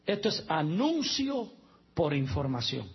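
A male pastor with a high, husky voice delivers a sermon, dropping humorous asides and spelling out words letter by letter. The recording is dull and lo-fi. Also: big pitch swings, takes it slowly.

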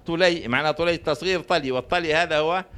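A man preaching to a gathering, with a bright, fairly high voice. He tells stories and jokes and keeps pausing to throw questions at his listeners, waiting for them to answer. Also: clean tone. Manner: rhetorical questions to the audience, prompting answers; storytelling with jokes. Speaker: religious lecturer. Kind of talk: sermon.

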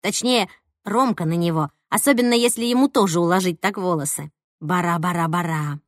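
A woman reading a first-person audiobook in an expressive, playful way. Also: mid-range voice, brisk, no echo, clean studio sound. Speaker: audiobook narrator.

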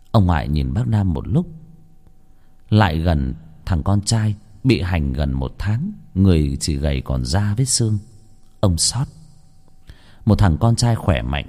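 A man narrating a ghost story in a measured, dramatic storytelling manner. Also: low voice, warm tone. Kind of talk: scripted horror narration.

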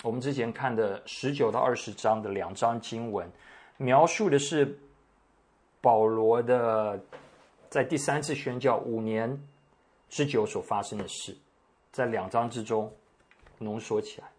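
A man preaching a sermon, reading scripture in a measured, deliberate way with pauses. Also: medium pitch, darkish tone, husky. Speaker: pastor. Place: church meeting room.

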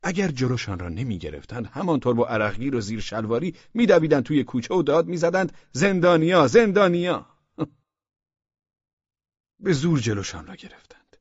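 A man narrating a humorous story as an audiobook, in a warm, measured way with soft half-whispered passages. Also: mid-range voice, very animated, husky, dry recording. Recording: dull lo-fi dry audiobook recording.

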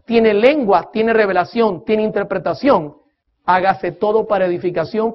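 A man preaching a sermon-style lecture on music, emphatic, asking his listeners questions and counting beats aloud. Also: high voice. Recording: dull lo-fi recording.

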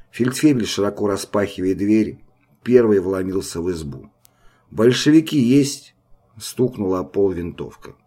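A man narrating an audiobook in a steady, grave manner. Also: low voice. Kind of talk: scripted narration.

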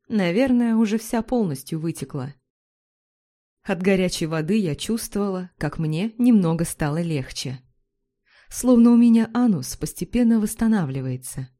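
A woman narrating a first-person story in an even, confessional tone. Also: on the low side.

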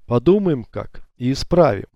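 A man's voice: mid-range voice, big pitch swings, moderate pace, gravelly, dry recording, highs cut off. A man voicing Potap, a crude, clumsy young bandit who smirks and mumbles excuses in an audiobook. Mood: assuring.

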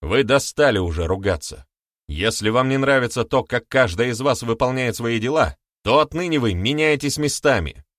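A man's voice: medium pitch, animated, normal speed, a bit bright, no room sound, clean studio sound, voice pushed up, natural voice. A man voicing a stern, scolding village smith in an audiobook, lecturing in a mock-solemn way. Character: gruff commanding male village smith. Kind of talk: audiobook character voice.

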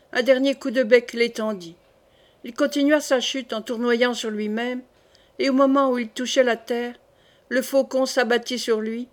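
A woman reading a classic French novel aloud as an audiobook, steady and literary. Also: a little high. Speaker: audiobook reader. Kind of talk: audiobook narration.

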